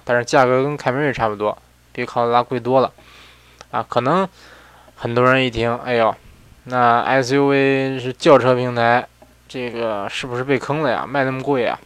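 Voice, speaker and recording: A man hosts a car talk in a loose, conversational way, keeps tossing out rhetorical questions and adds joking asides about himself. His voice sits at an ordinary middle pitch and sounds smooth and clean. The recording is close and dry, with no room sound. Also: fairly even intonation, moderate pace, a bit bright, dry recording. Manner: self-mocking, chatty asides. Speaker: car reviewer and show host. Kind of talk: casual spoken car commentary.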